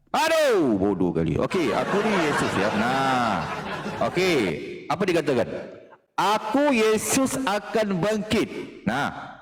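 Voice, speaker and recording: A man hosts a heated live-stream debate in a mocking, scornful way, laughing often. His pitch leaps from high, loud jeers down to low mutters, with a slightly raised voice overall. Long reverb trails behind each phrase.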